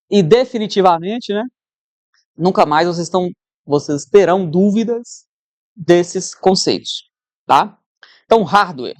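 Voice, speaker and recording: A woman's voice: on the low side, dry recording. A woman teacher giving an exam-prep lesson, conversational, who keeps checking in with her students.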